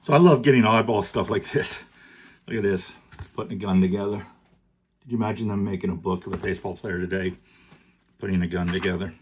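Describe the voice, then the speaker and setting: A middle-aged man vlogging about collectibles, relaxed and joking, sometimes talking while chewing candy. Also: fairly low pitch, breathy edge. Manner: relaxed, joking, rambling with fillers. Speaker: card collecting YouTuber. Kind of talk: casual vlog, showing gifts to camera.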